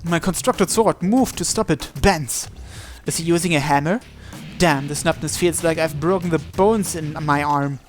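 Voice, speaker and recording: A man with a slightly high voice reads a visual novel aloud at normal speed, giving expressive, dramatic first-person narration with occasional stumbles. Soft music plays behind him.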